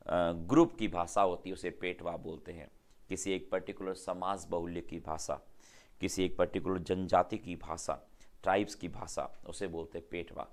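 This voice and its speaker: A middle-aged man teaching English vocabulary in Hindi, repeating each word and quizzing his students with quick questions. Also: low-pitched. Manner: repetitive, drills words with quick questions. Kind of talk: classroom vocabulary lesson.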